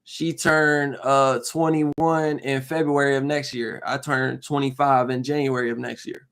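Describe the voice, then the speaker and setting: A young man in his mid-twenties talks off the cuff on a live stream. He rambles and circles back, scattering slang, fillers and asides. His voice sits at an ordinary male pitch. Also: flat delivery, a little slow, a bit bright, smooth. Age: 20s. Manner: rambling, slangy, full of fillers and "you know what I'm saying". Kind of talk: casual live-stream chat.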